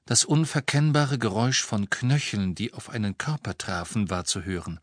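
A man reading an audiobook as narrator, telling the story in a measured, dramatic way. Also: lowish voice, lively intonation, no echo. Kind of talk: scripted narration.

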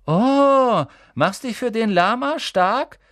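A man's voice: extremely high pitch, lively intonation, takes it slowly, a bit bright, no room sound, clean studio sound, voice pushed up, full character voice. A man voicing Pansy Parkinson, a spiteful schoolgirl who mocks. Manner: spiteful, mocking. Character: sharp-featured spiteful schoolgirl.

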